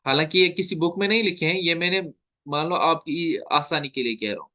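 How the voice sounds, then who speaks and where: A man teaching a recorded Tajweed lesson, patiently asking questions and answering them himself, and drawing out the example sounds slowly. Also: fairly high pitch, bright, forceful tone. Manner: patient, asks and answers his own questions. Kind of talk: recorded online lecture.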